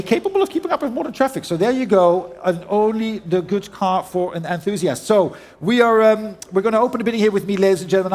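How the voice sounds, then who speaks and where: High-pitched male auctioneer calling bids. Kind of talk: live auction calling, rhythmic repeated bids.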